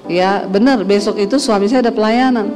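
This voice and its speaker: A middle-aged woman pastor preaches, spinning a personal story with playful humor. She tells it in a lively way, and soft music plays faintly behind her voice. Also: mid-range voice, fairly quick. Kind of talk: sermon.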